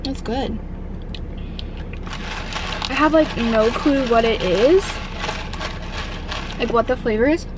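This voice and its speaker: A woman's voice: on the high side, slow, long pauses, noisy background. A woman chatting casually to camera in a day-in-my-life vlog, bubbly and full of "like" and "um". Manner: bubbly, chatty, filler-heavy with "like" and "um". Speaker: vlogger.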